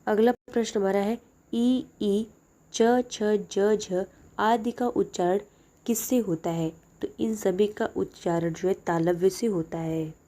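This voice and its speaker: A woman's voice: medium pitch, steady tone, slow, mellow. A young woman teaching a lesson, reading out each exam question and then answering it plainly.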